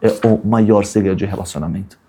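A man teaching a religious class as an animated storyteller, acting out the voices of people in his story and checking in with his listeners often. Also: fairly low pitch, brisk, husky. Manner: animated storyteller, acts out quoted voices, asks "tá bom?" often. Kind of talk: storytelling sermon.

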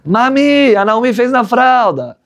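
A man's voice: sing-song, a little slow, exaggerated voice. A man doing a whiny little kid. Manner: high whiny calling out. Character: small child whining to parents.

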